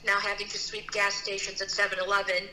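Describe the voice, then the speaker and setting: A middle-aged woman from the Philippines, a CEO and founder appearing as a guest, tells her personal story earnestly and casually, restarting often. Her mid-range voice is fast, bright, and forceful, yet completely flat in delivery. Faint music sits behind her, and the recording sounds roomy with faint noise.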